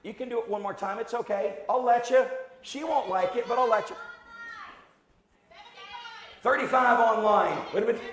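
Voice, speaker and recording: A man's voice: very high-pitched, quick pace, fairly bright tone. A man working as an auctioneer, calling bids in a repetitive rhythmic chant with folksy banter to the bidders. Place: roomy venue with live audience. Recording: echoey live hall sound.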